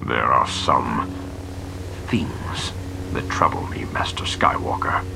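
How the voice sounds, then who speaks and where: A man voicing a desperate male Sith high lord whose helmet gives his voice a droning sound, often hushed and whispery. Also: animated, a little slow, gravelly, background noise, exaggerated voice. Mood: menacing hush. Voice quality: droning through a helmet voice box. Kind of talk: audiobook character voice.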